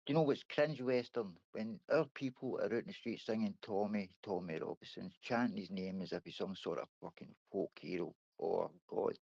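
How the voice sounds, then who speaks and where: A man's voice: on the low side, moderate pace, vocal fry, hardly any pauses, a little mellow, breathy edge, no echo. A man hosting a casual group voice chat, blunt and coarse in how he talks. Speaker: voice chat panel host. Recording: dull, lo-fi dry mic.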